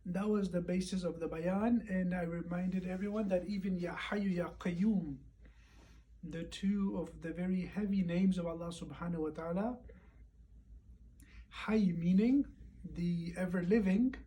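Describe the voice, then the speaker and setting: A hoarse man who is losing his voice gives a casual, reflective recap of a Friday lecture at home, pausing often and using fillers. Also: high-pitched, fairly even intonation, dark tone. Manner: unhurried and reflective, with frequent pauses and fillers.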